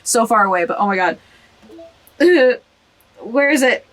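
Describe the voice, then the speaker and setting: A young gaming video creator gushes and giggles, teary-eyed, through casual let's play commentary. Her voice is on the high side, expressive, unhurried and a little bright.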